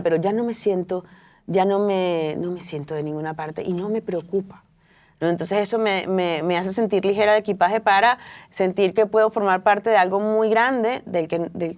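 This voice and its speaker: A middle-aged Venezuelan author, appearing as an interview guest, speaks reflectively in a fairly low, darkish voice at a fairly quick pace. She often restarts her sentences and uses fillers.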